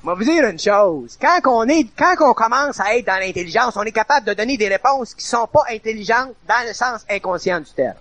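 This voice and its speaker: A man's voice: high voice, animated, brisk, few pauses, a bit bright, no room sound. A middle-aged man with a Quebec French accent giving an informal, emphatic spoken lecture, repeating and rephrasing his points in colloquial speech.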